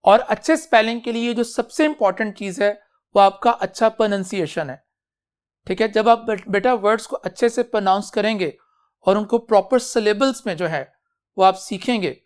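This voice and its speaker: A man with a Pakistani accent teaching an English class, speaking slowly and deliberately, checking often whether students follow and addressing them fondly. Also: high voice. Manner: slow and deliberate, calls students "beta", repeats checks like "clear?". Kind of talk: classroom lecture mixing Hindi-Urdu and English.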